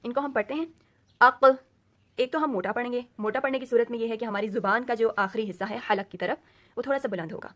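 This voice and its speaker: A woman teaching Quran reading in a recorded lesson. She explains slowly and patiently, mixes English words into her teaching, and repeats letter sounds over and over for drills. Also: on the high side.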